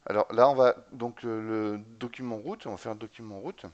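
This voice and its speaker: A man's voice: mid-range voice, steady tone, a little fast, lo-fi sound. A man giving a casual step-by-step tutorial on setting up a web server, spelling out commands letter by letter and often checking in with the viewer. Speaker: tutorial instructor. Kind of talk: screen-recorded command-line tutorial.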